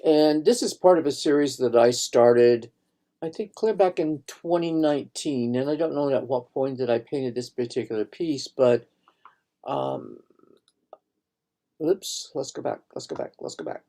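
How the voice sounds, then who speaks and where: With a mid-range, warm voice and lively intonation, a male painter leads a casual live tour of his online exhibition. He moves at a measured pace but rambles, thinking aloud and restarting his sentences as he goes.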